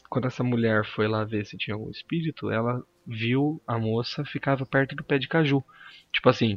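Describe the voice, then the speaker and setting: A man's voice: medium pitch, muffled recording. A Brazilian man on a casual podcast, earnestly telling a spooky personal story. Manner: earnest, insistent, rapid storytelling.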